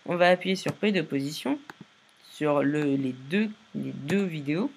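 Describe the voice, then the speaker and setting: A tired man casually narrating a software tutorial, giving step-by-step instructions with many fillers and restarts. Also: fairly high pitch, unhurried, creaky, slight background noise. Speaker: video editing tutorial maker.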